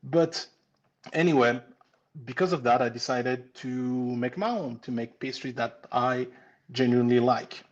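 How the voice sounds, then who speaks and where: A man's voice: medium pitch, unhurried. Chatty French man, dull stream audio. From France. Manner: chatty, warm-hearted, with frequent restarts and "um"s. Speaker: pastry instructor hosting a live webinar. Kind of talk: casual live-stream teaching. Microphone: computer mic on a live stream.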